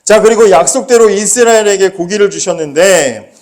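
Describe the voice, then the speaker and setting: A male pastor preaching a sermon, telling the story in an animated way with chuckles and questions to the congregation. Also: sits high, normal speed.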